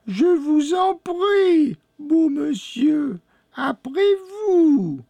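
A man's voice: extremely high pitch, expressive, vocal fry, mellow, dry recording, pitched above the performer's own voice, heavily acted. A man voicing a sly, limping old witch woman with a sugary, wheedling manner in a storybook reading. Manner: honeyed, wheedling, drawn-out moans. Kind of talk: storybook read-aloud.

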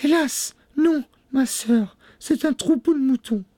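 A man voicing an anxious young woman keeping watch, calling out in a high falsetto, in a storybook reading. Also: slow pace, dark tone, no echo, heavily acted. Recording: dry studio sound.

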